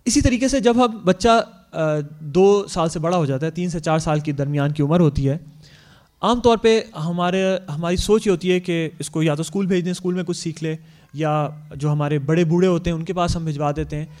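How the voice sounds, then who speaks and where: A man with a notably high-pitched voice talks earnestly to parents about bringing up young children. He explains point by point and often slips English words into his sentences. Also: darkish tone. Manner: acts out parents' quoted lines. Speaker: speaker on Islamic parenting. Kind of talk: advice talk to parents.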